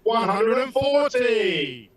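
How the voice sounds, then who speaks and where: A man working as a darts match caller, formally announcing scores in projected, drawn-out calls at a live venue. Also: very high voice, very animated. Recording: noisy live venue ambience.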